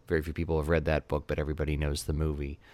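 Man, very deep voice, dry close sound, casual podcast chat, hesitant restarts. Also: monotone, rapid-fire, a little mellow, dry recording. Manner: hesitant, repeats words when starting. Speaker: podcast co-host. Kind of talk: casual film discussion. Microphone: headphones and podcast mic.

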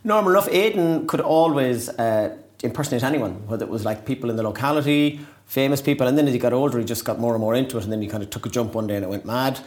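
A man's voice: mid-range voice, fast talker, few pauses. A man in his forties with a west of Ireland accent, chatting casually and self-deprecatingly as an interview guest. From County Galway, Ireland. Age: 40s. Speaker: podcast guest.

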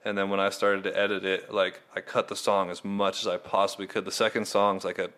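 A man's voice: low-pitched, little pitch movement, fairly quick, fairly bright tone. A young man in casual chat, laid-back and filling his talk with "like" as he recounts editing a video. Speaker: video editor and filmer.

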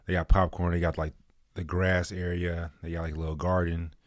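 Deep-voiced Texan guy, early thirties, easygoing and slangy, dry close mic. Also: flat delivery, brisk, no echo. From Texas. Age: 30s. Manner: laid-back, slangy, laughs often. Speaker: guest. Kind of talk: casual chat.

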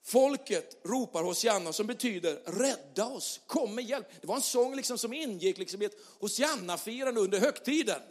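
A man preaching a lively sermon as pastor, moving from loud shouts down to soft, quiet lines. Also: high-pitched, few pauses. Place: church hall. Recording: long hall reverb.

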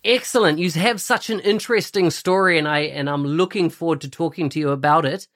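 A man's voice: on the high side, fairly quick, fairly bright tone. A man hosting a podcast interview, reading a sponsor spot and then asking a guest questions in an eager, upbeat way. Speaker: podcast host.

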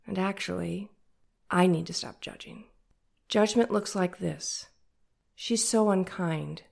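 A woman with a nasal voice at an average pitch hosts a faith-based podcast. She talks in a conversational way, addressing the listener directly. Her manner is that of an encouraging coach. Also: vocal fry.

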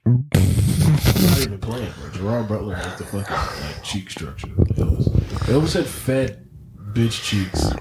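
A man's voice: big pitch swings, measured pace. Young man ranting, noisy cheap mic. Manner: profane, joking, rambling with many fillers. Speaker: podcast co-host. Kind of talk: casual chat. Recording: noisy low-quality setup.

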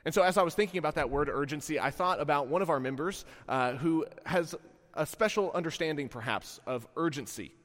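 Chatty pastor in a reverberant church. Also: male voice, on the high side, a little fast, a bit bright. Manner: conversational, hesitant with many fillers. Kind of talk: sermon and on-stage interview. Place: church sanctuary.

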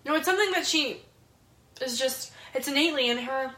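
A woman's voice: high voice, brisk, bright, forceful tone, reverberant, poor audio. A woman co-hosting a casual podcast, earnest and reflective, who laughs easily. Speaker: podcast co-host.

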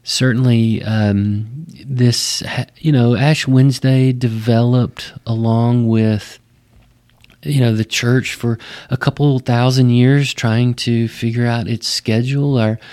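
A man with a West Texas twang, explaining things conversationally and thoughtfully like a pastor, often pausing mid-phrase. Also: medium pitch, steady tone, darkish tone. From West Texas, United States. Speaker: Baptist pastor.

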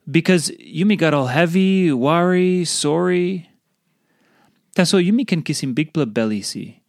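A man's voice: a little high, no room sound, studio quality. Papua New Guinean man reading a devotional. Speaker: devotional reader. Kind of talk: scripted devotional reading in Tok Pisin.

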